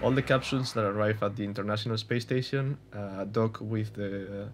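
Slight background noise accompanies a young Spanish man speaking at a moderate pace in a low, steady voice with a Spanish accent. A gaming YouTuber, he gives offhand, hesitant commentary on his gameplay, full of fillers and restarts.

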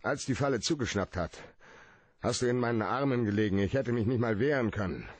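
A male actor plays a cynical, hard-boiled private eye in a radio drama, his rough-edged, medium-pitched voice arguing bluntly, point by point. The delivery is brisk and animated, heated and accusing, with no room sound.

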